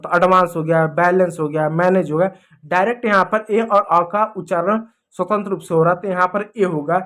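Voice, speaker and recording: Hindi-speaking teacher explaining English spelling. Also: male voice, sits high, fairly bright tone. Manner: repeats examples, checks in with "ठीक है". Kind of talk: explanatory lesson over slides.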